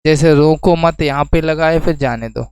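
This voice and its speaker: A man's voice: on the high side, normal speed, a little mellow, clean tone, no echo, low-quality recording. A man teaching an exam-prep lesson to students, often asking a question and then answering it himself. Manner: explains then repeats key terms as questions to students.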